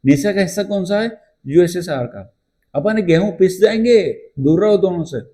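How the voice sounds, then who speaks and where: Chatty teacher, mellow voice. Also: male voice, high voice, lively intonation. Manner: chatty storytelling, asks and answers own questions; reads English textbook lines slowly. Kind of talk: exam-prep lecture.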